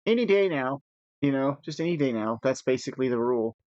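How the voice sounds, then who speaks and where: A man's voice: mid-range voice, fast, dry recording. A man talks loosely over a gaming session, piling up restarts and breaking into nervous laughs. His voice sits in a middle register. The recording is dry and slightly dull, like a basic home headset mic. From United States. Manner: rambling, nervous laughs, animated. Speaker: gaming podcast co-host. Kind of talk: casual chat while gaming.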